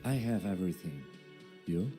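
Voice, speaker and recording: An actor voicing a calm, methodical male police lieutenant in a video game, measured and precise. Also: sits low, husky, faint music behind, exaggerated voice.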